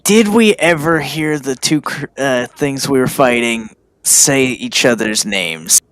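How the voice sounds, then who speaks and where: Male tabletop player, casual chat, animated pitch, dry close sound. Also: slow pace, dry recording.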